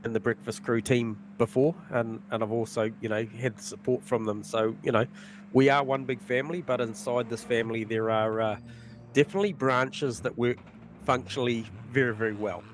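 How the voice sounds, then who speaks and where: A man co-commentating a sim racing event in a relaxed, chatty way full of fillers. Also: medium pitch, fairly quick, a little hiss or hum. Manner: relaxed, lots of fillers and mate. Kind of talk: casual commentary chat.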